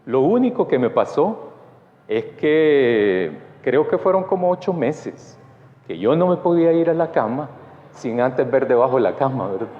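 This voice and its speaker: Pastor in a reverberant church. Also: male voice, mid-range voice. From El Salvador. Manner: conversational, keeps asking the congregation for agreement. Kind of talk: storytelling sermon. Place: church sanctuary. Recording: dull sound in a church with long reverb.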